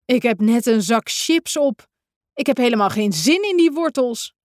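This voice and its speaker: A woman's voice: fairly high pitch, animated, normal speed, no room sound, clean studio sound, lightly acted. A woman voicing an easygoing male horse in a children's story, reading his lines with a sighing, obliging manner.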